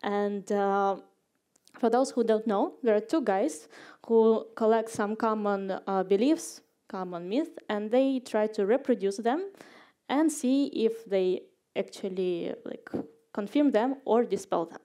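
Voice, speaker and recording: A woman's voice: medium pitch, measured pace, warm tone. Ukrainian woman giving a conference talk. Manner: casual, playful, filler-heavy. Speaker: conference speaker. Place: conference hall stage.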